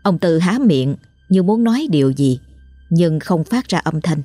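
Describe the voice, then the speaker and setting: A woman narrating a horror story in a measured, somber way. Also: on the low side, expressive, mellow, no room sound, soft background music.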